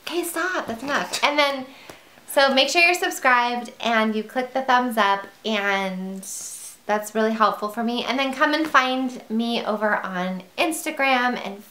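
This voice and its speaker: A woman talks casually to her viewers in a bright, ringing voice. She rambles a little, with fillers and restarts, as she chats from home. The room gives her voice a noticeable echo. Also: a little high, unhurried. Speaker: vlogger. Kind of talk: casual chat to camera. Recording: roomy echo.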